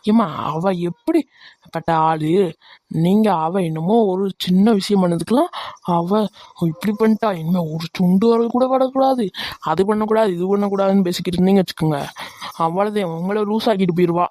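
A woman's voice: mid-range voice, moderate pace, warm tone, dry recording, lightly acted. A woman playing a blunt, teasing married son in a cartoon, with a Tirunelveli Tamil accent. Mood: warning. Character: blunt grown son, married, cheeky toward his mother.

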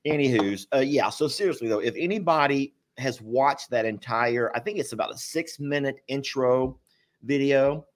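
A man with a deep Southern Texas drawl, chatting casually and jokingly on a live stream in a folksy, rambling way. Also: normal speed. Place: living room at home.

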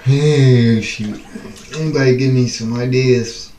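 A man's voice: mid-range voice, fairly even intonation, dark tone. Young man in an echoey bathroom. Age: 20s. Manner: exclaiming and halting from cold in an ice bath. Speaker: video host. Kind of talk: casual stunt vlog. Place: small bathroom, in the tub, filmed by another person's handheld camera. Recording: echoey bathroom with noticeable background noise.

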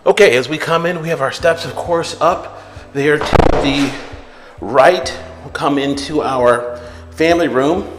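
A man, a real estate agent, narrating a walkthrough of a house as he walks it, relaxed and explanatory with frequent fillers. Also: on the high side, a little slow, noisy background. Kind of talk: walkthrough home tour narration. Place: outdoors then inside an empty house.

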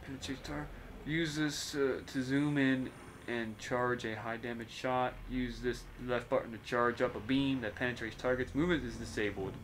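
A man's voice: medium pitch, steady tone, moderate pace, a little hiss or hum. A man chatting casually and playfully in slang as he plays a video game and comments on it. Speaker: gamer playing and commenting. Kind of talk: casual gameplay banter.

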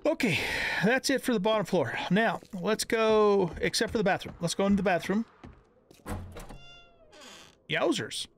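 With a high voice, a moderate pace and frequent pauses, this middle-aged man hosts a gaming channel and narrates a let's-play. His folksy, exclamatory musings come over audible background noise and clicking.

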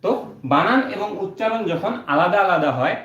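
A man's voice: sits high, lively intonation, brisk, a bit bright. A male teacher, giving an exam-prep lesson and explaining step by step, saying each point twice. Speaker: Bangla teacher. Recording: roomy, dull lo-fi sound.

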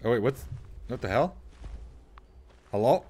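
A man giving casual gameplay commentary, excitable, swearing and yelping at enemies. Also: mid-range voice, measured pace, husky. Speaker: gameplay streamer.

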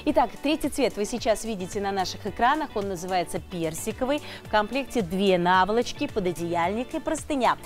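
A woman's voice: mid-range voice, lively intonation, fairly quick, few pauses. A woman hosting a home shopping show with an urgent, gushing, emphatic hard-sell delivery. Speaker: TV shopping channel host. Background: background music.

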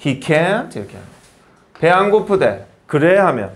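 A male teacher explaining grammar in a relaxed, conversational way, often asking a question and answering it himself. His voice sits a little high for a man and rises and falls with plenty of movement. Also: brisk. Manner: explains patiently in short spoken phrases, asking and answering his own questions. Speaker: English teacher. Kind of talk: casual grammar lesson in Korean.

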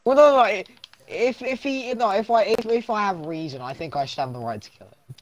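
Bantering young British gamer. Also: male voice, sits high, lively intonation, brisk. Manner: teasing, mock-indignant, stumbling over words. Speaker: co-player. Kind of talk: casual gaming chat with a friend.

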